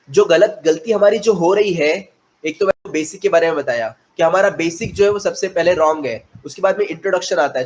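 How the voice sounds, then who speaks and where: A man from India gives a classroom lecture on spoken English. His voice sits fairly high. He explains in Hindi, drops in English phrases and slows down to spell out letters one by one.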